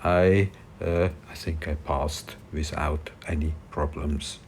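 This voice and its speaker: Slow low-voiced man vlogging amid noise. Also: steady tone. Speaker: vlog host. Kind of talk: casual travel vlog commentary. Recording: clear background noise on location. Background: ambient noise.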